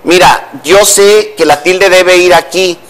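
A man's voice: high-pitched, slow pace, a bit bright. Man explaining spelling rules on TV. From Mexico. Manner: didactic, patient, explains step by step. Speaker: language commentator on a TV news show. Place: TV news studio.

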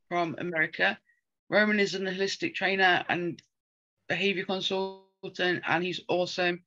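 A woman's voice: lowish voice, sharp tone, dull audio. A woman co-hosting a casual chat, talking earnestly and rambling with frequent ums. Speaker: podcast co-host.

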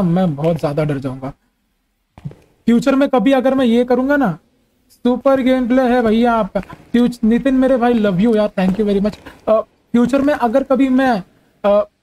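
High-voiced young man, jumpy gamer. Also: poor audio. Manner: jumpy, jokey, often shouting in fright. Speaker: gaming streamer. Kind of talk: horror game commentary.

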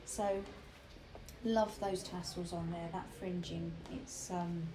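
A woman showing customers around her small shop, chatty and relaxed with plenty of ums. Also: fairly low pitch, slow pace. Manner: chatty and relaxed, many fillers like um and uh. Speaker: shop owner giving a tour. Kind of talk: casual walk-through shop tour. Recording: echoey shop room with clear background noise.

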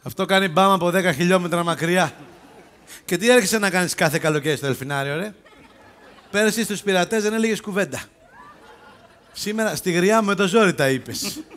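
A man's voice, sitting high and a bit bright, with long pauses: he's the comic actor heading a live sketch at an open-air theatre, cast as a bossy police self-defence teacher who scolds and mocks the other performers.

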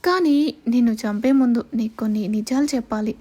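A woman's voice: fairly high pitch, a little fast, dark tone, lightly acted. A woman voicing a vengeful middle-aged male gang boss who gloats and threatens coolly, read as part of a storybook drama. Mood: menacing. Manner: cold, gloating, menacing.

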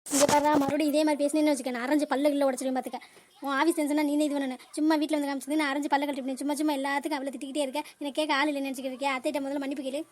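A woman voicing a stern mother in a cartoon who scolds her grown son in a rapid, threatening way. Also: sits high, level tone, a little hiss or hum, close to an everyday voice. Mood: scolding. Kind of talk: cartoon voice acting.

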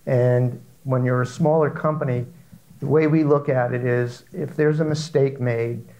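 A man speaks as a panelist in a large conference hall. His voice is mid-pitched, and he explains things plainly and directly. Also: steady tone, unhurried, mellow, highs cut off. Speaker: panelist, small operator. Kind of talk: panel answer.

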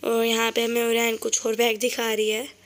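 Recording her voice-over indoors after the fact, this vlogger from Pakistan chats cheerfully through a shopping video, showing viewers various things despite a sore throat. She speaks a little high at a moderate pace, in a completely flat delivery.

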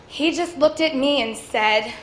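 A woman's voice: sits high, measured pace, a little hiss or hum. A woman performing a stage monologue as a long-suffering baseball player's wife, talking in a wistful, confiding way. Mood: reflective. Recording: echoey auditorium, faint ambience.

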